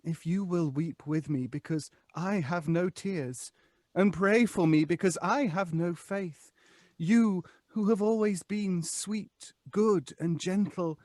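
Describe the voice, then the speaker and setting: An actor playing a haughty, weary centuries-old ghost in an old-time radio drama, with pompous, theatrical phrasing. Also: male voice, sits high, takes it slowly, darkish tone, dry recording. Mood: solemn, pleading. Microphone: close studio microphone.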